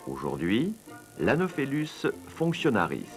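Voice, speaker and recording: A man's voice: mid-range voice, wildly swooping pitch, measured pace, faint music behind. A man narrating a mock nature documentary in a pedantic, solemn manner.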